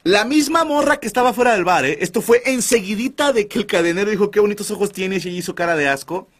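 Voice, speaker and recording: A man's voice: high voice, expressive, quick pace, a bit bright. A man hosting a podcast, telling crude, slang-heavy comic stories and calling his listeners brothers. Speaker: podcast host. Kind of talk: comedic storytelling monologue.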